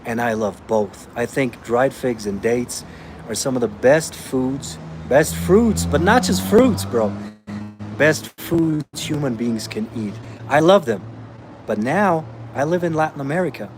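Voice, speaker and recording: A man's voice: medium pitch, animated, measured pace, a little hiss or hum. A man from Austria, a fitness coach answering viewer comments in a blunt, emphatic way, calling listeners bro.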